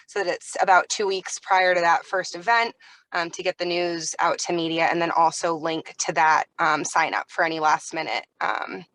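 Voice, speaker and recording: A woman on a car speakerphone while driving home, giving brisk, organized work updates with frequent ums. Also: fairly low pitch, a bit bright, poor audio. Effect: car speakerphone call. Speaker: team member giving press release updates. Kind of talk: work video meeting update. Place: inside a moving car.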